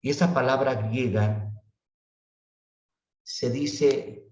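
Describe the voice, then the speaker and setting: A man leads an unhurried Bible class, checking in with his listeners and stretching out each word he repeats. His voice sits far from the microphone in an echoey church room, and the recording is dull. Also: mid-range voice, darkish tone. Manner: unhurried, often asks "¿verdad?" and draws out words he repeats. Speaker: Bible study teacher. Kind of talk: slow Bible class explanation.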